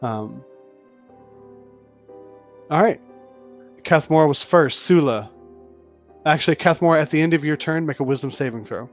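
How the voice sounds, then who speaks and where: Running a tabletop game, a game master with a slightly high voice speaks at a moderate pace and pauses often, describing scenes and calling for rolls. He restarts frequently and says "uh" a lot, and his slightly dull, lo-fi stream audio carries faint music beneath it.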